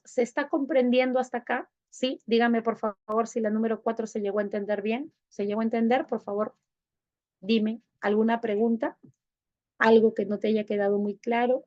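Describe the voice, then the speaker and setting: A woman's voice: fairly high pitch, a little mellow. A woman teaching an online class, affectionate and coaxing, who keeps asking the students to confirm they follow. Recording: dull lo-fi sound.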